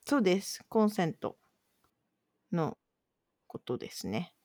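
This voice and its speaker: A woman's voice: lowish voice, big pitch swings, a little slow, darkish tone, dry recording, studio quality. A woman co-hosting a casual podcast, patiently explaining words in a chatty, conversational way. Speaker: podcast co-host posing quiz words.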